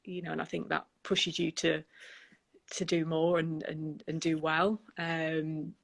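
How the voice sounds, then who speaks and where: A middle-aged woman, a guest on a casual video-call chat, speaking softly, trailing off and filling with "you know". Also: deep voice, monotone, unhurried, vocal fry. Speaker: guest, wedding business owner. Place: room at home, indoors. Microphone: laptop webcam on a video call.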